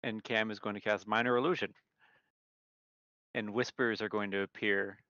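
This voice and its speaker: A man's voice: fairly low pitch, fairly even intonation, moderate pace, bright, forceful tone, dry recording. A man chatting casually as a tabletop game player, on a lo-fi microphone.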